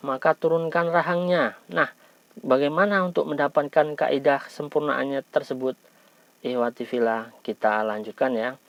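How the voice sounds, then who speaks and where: A lower-voiced man with an Indonesian accent gives an instructional lesson. He over-enunciates each key sound with deliberate care, patiently encouraging the learner. There is noticeable creak in his voice, and the recording is dry and slightly dull. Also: dry recording. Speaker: Quran recitation teacher.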